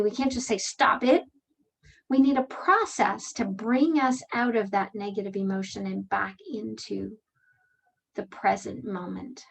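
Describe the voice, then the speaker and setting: A woman giving a calm motivational presentation, speaking gently and reflectively with slow phrasing and pauses. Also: fairly high pitch, creaky, poor audio. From Canada. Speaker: speaker and workshop leader.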